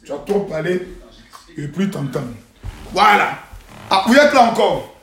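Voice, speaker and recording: Man, high-pitched, preachy live-stream scold, phone mic in an echoey room. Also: very animated, measured pace. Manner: preachy, scolding rants with loud outbursts and sudden quiet asides. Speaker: livestream host. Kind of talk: live social-media monologue. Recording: roomy echo.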